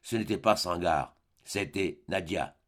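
A man giving measured, dramatic audiobook narration of a novel. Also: deep voice, fairly bright tone.

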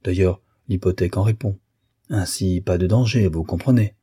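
A man reading aloud gives voice to a ruined middle-aged businessman in an audiobook, urgent and pleading. The voice is low and dark, slightly husky, with a dry close sound. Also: moderate pace, no echo.

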